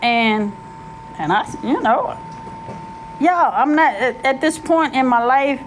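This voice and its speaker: A middle-aged woman tells her own story. Her voice sits fairly high, and she talks in a loose, slangy, animated way, stopping to hunt for words. A faint hiss runs under the recording. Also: slow. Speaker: host telling her life story. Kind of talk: casual storytelling.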